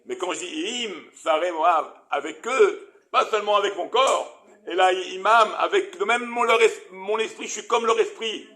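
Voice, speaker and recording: A man teaching a Torah lesson as a rabbi, animated and questioning his audience, with many Hebrew terms. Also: high voice, normal speed, few pauses.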